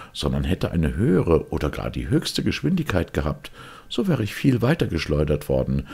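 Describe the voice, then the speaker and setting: A man voicing an excitable, gloomy male time traveller in an audiobook, speaking with raised, urgent insistence. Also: low voice, husky, voice pushed up, full character voice. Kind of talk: audiobook character reading.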